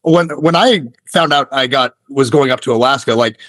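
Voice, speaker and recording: A man's voice: mid-range voice, moderate pace, a bit bright, dry recording. A man from Idaho co-hosting a podcast, chatting casually with laid-back jokes and some swearing. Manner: joking, laid-back, profane. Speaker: podcast co-host.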